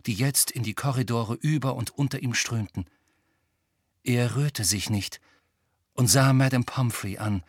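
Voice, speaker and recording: A man narrating an audiobook in a dramatic, expressive storytelling manner. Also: mid-range voice, dry recording, studio quality. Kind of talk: scripted narration.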